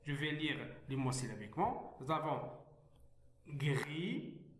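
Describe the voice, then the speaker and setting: A man teaching French reading, reading slowly, breaking words into syllables and repeating them. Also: mid-range voice, fairly bright tone. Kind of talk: slow reading lesson. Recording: echoey room.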